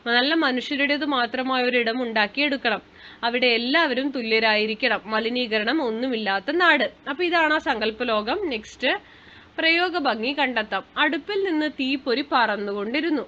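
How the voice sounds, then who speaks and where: A woman teacher who reads a story aloud and then explains a textbook lesson in a brisk, chatty way, often ending with tag questions. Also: high-pitched, sharp tone. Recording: dull lo-fi recording.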